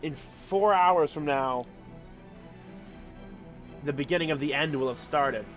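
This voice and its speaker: A man's voice: fairly high pitch, slow pace, muffled recording, soft background music. A man voicing a sinister gaunt male captain, cold and menacing.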